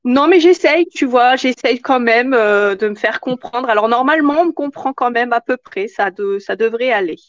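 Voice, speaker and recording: A woman's voice: a little high, expressive, normal speed, hardly any pauses, no echo, muffled recording. A woman hosting a live craft tutorial in casual chat, answering viewer comments as she works.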